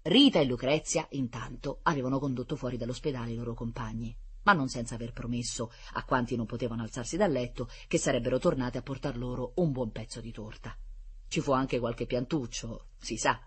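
A storyteller reading a children's book aloud, animated and adding playful asides. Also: medium pitch, fairly quick, husky.

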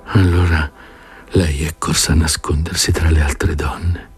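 A man voicing a weary old village woman who speaks slowly in a hushed, confiding way in an audiobook reading. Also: extremely low pitch, level tone, soft background music, voice pushed down.

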